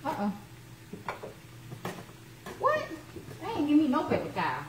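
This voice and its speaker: A woman's voice: high-pitched, wildly swooping pitch, unhurried, background noise. A woman in her thirties hosting a live home cooking stream from her kitchen, chatting playfully with viewers and throwing in churchy exclamations. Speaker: home cooking show host. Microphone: phone camera, moving between close and across the kitchen.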